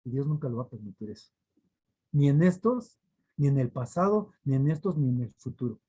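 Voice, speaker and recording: In his weekly devotional teaching, a man speaks with earnest conviction, repeating phrases for emphasis and now and then performing quoted voices. His mid-range voice is warm, slightly rough, very animated, and fairly quick, though the audio quality is poor.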